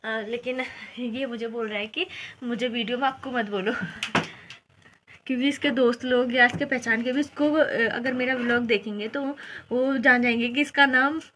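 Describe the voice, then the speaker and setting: A woman's voice: a little high, fairly even intonation, normal speed, pushed and bright, reverberant. A woman in her thirties from Uttarakhand in India, chatting casually in a home vlog as she narrates her chores in the kitchen. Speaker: vlogger. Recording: noisy home recording.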